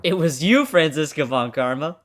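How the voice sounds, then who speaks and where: A man's voice: mid-range voice, moderate pace, a bit bright, slight background noise, close to an everyday voice. A man doing a cocky detective in a mock Irish-British accent. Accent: put-on bad Irish-British. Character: swaggering male wolfish detective, cocky. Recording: game music behind.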